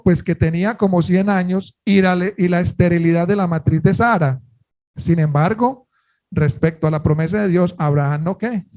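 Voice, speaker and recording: A man preaching a sermon in an earnest way. He often asks the listeners a question and answers it himself, and he slows down on key words. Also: high-pitched, mellow.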